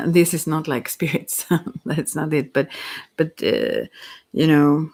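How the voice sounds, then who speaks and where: Soft-spoken ASMR tarot reading, gentle direct address, meandering, halting restarts, mid pitch. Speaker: tarot card reader.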